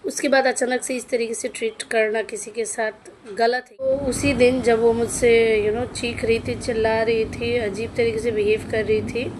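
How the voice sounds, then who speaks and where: Give me a chatty woman in her thirties, an English teacher, telling her own story with a slightly high voice. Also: flat delivery, normal speed, background noise. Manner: chatty, mixes English words into her Hindi. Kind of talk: casual personal storytelling.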